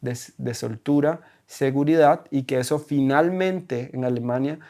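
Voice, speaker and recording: A man with a Costa Rican accent, a German teacher talking as a guest in an interview, animated and full of rhetorical questions. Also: medium pitch, moderate pace. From Costa Rica. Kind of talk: conversational interview.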